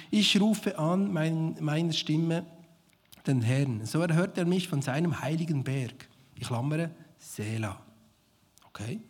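Excitable preacher, husky voice. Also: male voice, a little high. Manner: enthusiastic, swings from shouted praise to near-whispered reflection; laughs often, mixes English exclamations into his preaching. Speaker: pastor. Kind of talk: sermon.

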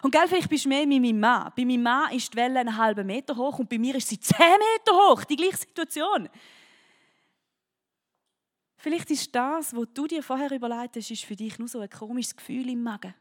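A woman with a Swiss German accent preaching a sermon to a young audience, telling a story in a lively way and speaking directly to her listeners. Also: high-pitched, brisk.

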